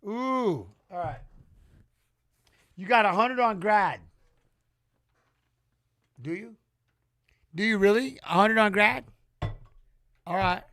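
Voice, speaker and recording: A middle-aged man hosting a live fight watch-along, chatty and excitable, talking to the viewers as he calls the action. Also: high-pitched, slow, long pauses. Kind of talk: casual live fight commentary.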